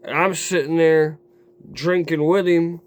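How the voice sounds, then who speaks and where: A man telling a raw personal story to his camera in a rambling, profane way, dropping low and quiet, then flaring into heated outbursts. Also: level tone, unhurried. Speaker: vlogger. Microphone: camera mic.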